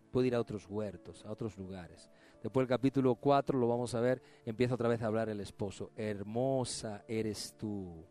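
A man preaching a sermon, swinging between emphatic exclamations and quiet, low drops.

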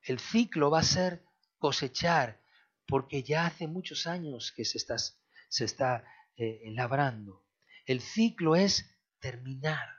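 A man from Spain preaching a sermon as pastor, swinging between loud bursts and soft low phrases. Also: expressive, takes it slowly, breathy edge. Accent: Spain Spanish. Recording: dull lo-fi recording.

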